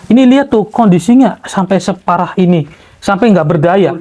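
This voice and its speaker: A man speaks in a steady, reasoning tone. He calls out Islamic invocations often, and his voice sits somewhat high for a man. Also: moderate pace. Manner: calm mediator, frequent Islamic invocations. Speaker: host, paranormal team leader.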